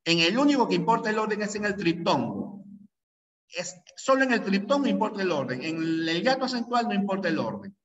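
A man's voice: high-pitched, big pitch swings, fairly quick, a bit bright. A male language teacher giving a classroom lecture, repeating rules again and again and checking in with students. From Peru. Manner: repeats key rules over and over, drilling students; asks frequent checking questions. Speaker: pre-university language teacher. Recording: echoey room, distant mic, dull sound.

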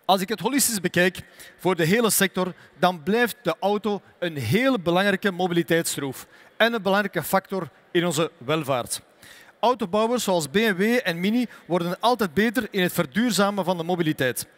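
A man's voice: high-pitched, lively intonation, a bit bright. A man, a company executive giving a prepared, formal press statement. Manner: formal, measured delivery. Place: expo hall.

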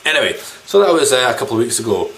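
A man in his thirties races through a very animated, rambling chat about his game pickups, speaking to camera from a small living room with mild swearing and a casual style. His medium-pitched voice is a bit bright, and the poor audio carries background noise and room ambience.

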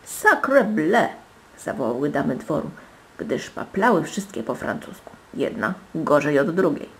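A woman reading a fairy tale aloud with dramatic, animated storytelling and soft hushed asides. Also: sits low, moderate pace. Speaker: storybook reader.

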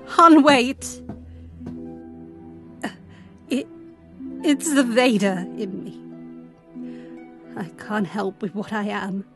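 An actress in an audio drama playing a young princess, wounded, bitter and defiant, with an indignant, emphatic delivery. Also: female voice, mid-range voice, animated, slow pace, pauses often. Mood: shaken, hurt. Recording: music behind the voice.

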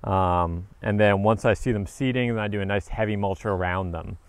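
Here a thirty-something homestead vlogger ambles cheerfully through his tropical garden, camera held out at arm's length, stumbling over fillers and fixing his own words as he goes. His voice is on the low side and smooth, with fairly even intonation, normal speed, and no room sound.

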